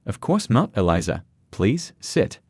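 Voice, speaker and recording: A man reading the lines of a gentle young woman who speaks softly and kindly. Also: on the low side, huge pitch swings, measured pace, husky, no room sound, heavily acted. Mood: soft sympathetic. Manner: soft, sympathetic. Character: gentle young woman, caring daughter-in-law.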